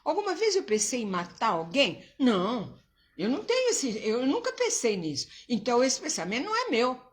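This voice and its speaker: A woman's voice: a little high, wildly swooping pitch, moderate pace. A woman giving an informal religious lecture at a spiritist center, talking conversationally, asking rhetorical questions and acting out quoted thoughts.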